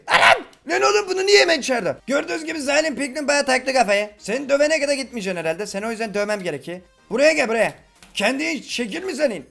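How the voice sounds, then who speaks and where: Brief: male gaming YouTuber, very high voice with a gravelly edge, excitable play-by-play. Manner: excitable, loud exclamations, chatty with viewers. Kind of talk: Minecraft gameplay commentary.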